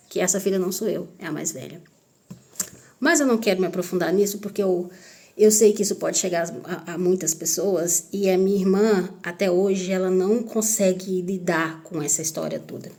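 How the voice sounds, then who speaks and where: A woman with a Brazilian accent, candidly telling a personal story to her viewers in an emphatic, animated way. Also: mid-range voice. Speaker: channel host.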